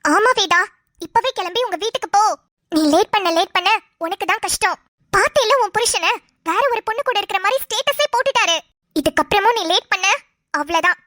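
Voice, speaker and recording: A sly young woman who bosses her friend along, voiced by a woman in a cartoon. Her voice sits lower than the other figures, with a bright, pointed edge and a dry, close sound. She talks firmly and coaxingly. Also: a little fast, no echo. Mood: scheming. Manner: low, firm, coaxing. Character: sly scheming young woman, bossy confidante. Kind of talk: cartoon voice acting.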